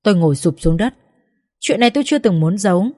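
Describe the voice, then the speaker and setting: A woman's voice: medium pitch, animated, fast, dark tone, no room sound. Lady reading a family drama story, tense and emotional, dry voice no room. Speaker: audiobook narrator.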